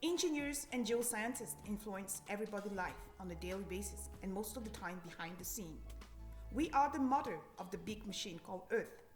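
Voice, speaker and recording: A woman's voice: medium pitch, expressive, fairly quick. A woman in her thirties from Cameroon, a civil engineer giving an earnest, encouraging scripted career talk to students. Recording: echoey room, faint music behind.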